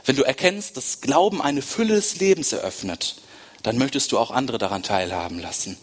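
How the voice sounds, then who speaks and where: A man's voice: mid-range voice, expressive, brisk, husky. A man preaching a sermon to his congregation, speaking directly to them and repeating phrases for emphasis. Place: church service.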